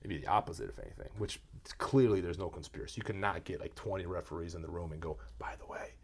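A man who grew up in Brazil talks quickly and emphatically in a casual conversation. His voice sits low and has a husky edge. He acts out quoted lines as he makes his point.

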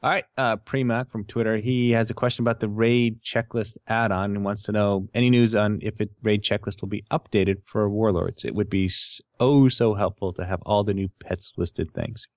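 Deep-voiced man hosting a gaming podcast. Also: steady tone, normal speed, hardly any pauses, dry recording, studio quality. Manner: explains patiently, reads out listener questions. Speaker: podcast host. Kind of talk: casual gaming podcast chat.

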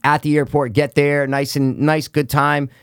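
A man's voice: on the high side, level tone, normal speed, clean tone, no echo, clean studio sound. A man telling stories in casual conversation with a frat-bro manner, full of slang and swearing.

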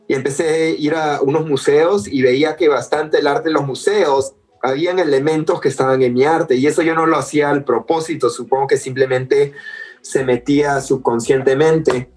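A man with a Peruvian Spanish accent, a guest artist talking in a relaxed, reflective way in an interview. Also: on the high side. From Peru. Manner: easygoing, reflective, laughs lightly.

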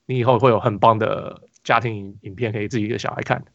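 Fast-talking man with a Taiwanese Mandarin accent. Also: fairly low pitch, steady tone, creaky, no room sound, muffled recording. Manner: rambling storytelling with many restarts and fillers. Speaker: podcast host. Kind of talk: casual basketball podcast chat.

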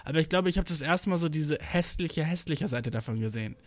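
A man's voice: on the high side, expressive, fairly quick, no echo. A young man in a casual rambling monologue, heavy on slang and swearing. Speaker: vlogger. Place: indoors, travelling abroad.

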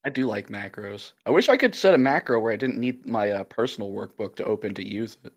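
A man co-hosting a casual podcast, sardonic and deadpan. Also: on the low side, fast, husky. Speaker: podcast co-host. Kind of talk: casual chat.

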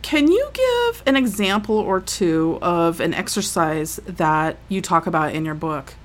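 A woman's voice: fairly low pitch, very animated, a little slow. A woman hosting a radio interview, introducing and questioning a guest. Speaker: radio show host.

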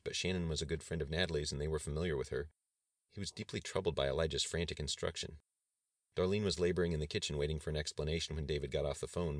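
A man reading a novel aloud as an audiobook narrator, measured and even. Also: extremely low pitch, no room sound, clean studio sound. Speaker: audiobook reader. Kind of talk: scripted narration.

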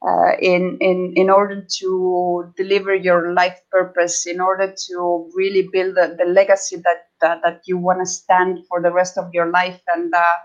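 An Estonian woman with an Estonian accent answers as an interview guest, speaking haltingly and conversationally with frequent pauses and repeated words. Her voice is fairly low and completely flat, and the highs are cut off.

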